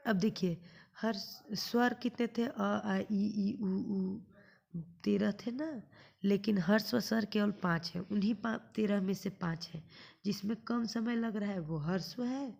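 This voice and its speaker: A woman's voice: mid-range voice, gravelly, darkish tone. A woman teaching a grammar lesson, patiently asking questions and answering them herself, stretching out sounds as she demonstrates them. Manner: draws out sounds slowly when demonstrating. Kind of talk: classroom lesson explaining grammar.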